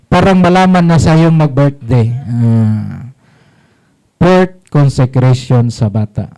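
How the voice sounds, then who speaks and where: Slow priest quizzing his flock. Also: mid-range voice, expressive, warm tone, low-quality recording. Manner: rhetorical questions, short call-and-response phrases. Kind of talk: catechism talk to a congregation.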